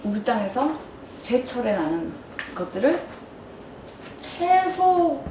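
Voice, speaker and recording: A woman lecturer talks quickly and keeps throwing questions at her listeners. Her voice sits a little high. She sounds far from the mic in a roomy hall. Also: expressive, background noise. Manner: storytelling, asks the audience questions. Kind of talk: lively lecture with acted dialogue.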